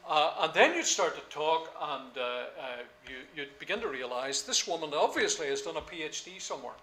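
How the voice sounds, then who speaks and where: Older man lecturing, halting. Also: fairly high pitch, lively intonation, bright, forceful tone. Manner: halting with many fillers, then emphatic. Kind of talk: classroom lecture. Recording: echoey lecture room, faint ambience.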